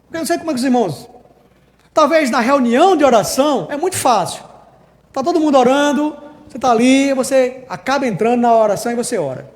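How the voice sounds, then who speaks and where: A man's voice: very high-pitched, animated, fast. A Brazilian man preaching an informal, conversational sermon who keeps calling the congregation his brothers. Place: church meeting hall. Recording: reverberant church hall.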